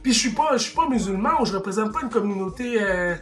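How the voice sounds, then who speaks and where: A man's voice: high-pitched, expressive, quick pace, a bit bright, soft background music. A man from Quebec with a Québécois French accent, delivering a heated opinion rant to viewers, arguing and restarting sentences as he goes. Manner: impassioned, argumentative, full of restarts and asides. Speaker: vlogger.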